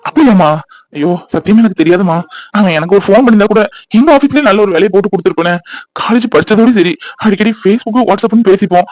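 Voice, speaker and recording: Man doing a kind brotherly cartoon friend, reassuring, slightly high voice, quick talk. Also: no room sound, natural voice, poor audio. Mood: concerned. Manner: reassuring, soothing. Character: kind, generous man, old college friend, protective big brother. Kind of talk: cartoon voice acting.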